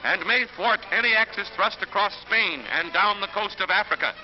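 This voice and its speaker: A man's voice: sits high, normal speed. A man giving dramatic, emphatic 1940s narration on an old newsreel soundtrack. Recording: dull lo-fi 1940s film soundtrack with music.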